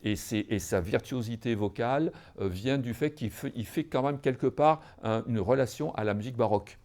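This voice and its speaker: Medium in pitch and darkish in tone, a man speaks at a moderate pace as he lectures on music history for a podcast. He talks straight to his listeners like a teacher, though he hesitates, uses fillers and restarts often.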